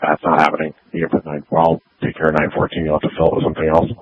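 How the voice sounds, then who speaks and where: A man's voice: very deep voice, completely flat delivery, rapid-fire, husky. A man speaking as an emergency responder in a blunt exchange over a two-way radio. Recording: narrow, phone-like two-way radio.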